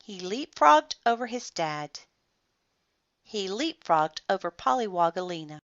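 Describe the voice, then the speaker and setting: A woman reading a bedtime story aloud slowly and expressively. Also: mid-range voice, sing-song, no echo. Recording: slightly muffled dry recording.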